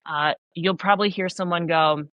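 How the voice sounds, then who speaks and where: This woman's lowish voice comes at normal speed through a dry, dull-sounding recording. She's a leadership coach from the American South appearing on a podcast, telling animated stories bluntly and emphatically and playing out little scenes.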